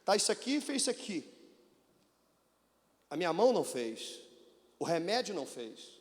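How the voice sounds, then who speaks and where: A man's voice: high-pitched, sing-song, normal speed, slight background noise. A man from Brazil, a pastor telling a testimony in a sermon, animatedly acting out the voices of doctors and his mother. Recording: long hall reverb.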